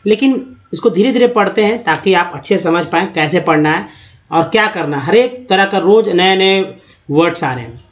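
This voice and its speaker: A man with an Indian accent teaching English reading, spelling words letter by letter and sounding them out slowly. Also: high-pitched. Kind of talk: Hindi-language lesson on reading English aloud.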